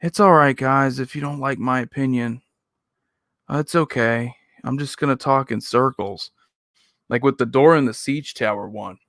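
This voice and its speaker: Man, mid-pitched, casual reaction commentary, rambling, self-critical, dry sound. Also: moderate pace, fairly bright tone, no room sound. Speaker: video host reacting to own old videos.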